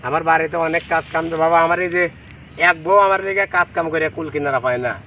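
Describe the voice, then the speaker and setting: A man's voice: on the high side, quick pace, far from the mic, narrow, tinny audio, slight background noise. A man acting in a comedy skit, talking in a pleading, theatrical way.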